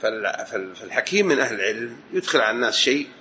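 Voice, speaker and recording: Animated male teacher. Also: mid-range voice, racing, slight background noise, poor audio. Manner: animated storytelling with asides. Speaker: Islamic teacher. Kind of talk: lecture to students.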